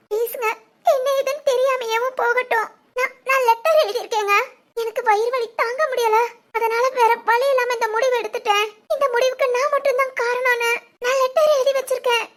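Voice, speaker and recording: A woman voicing a tearful young pregnant bride in a dubbed cartoon drama, stammering through sobbing apologies. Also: extremely high pitch.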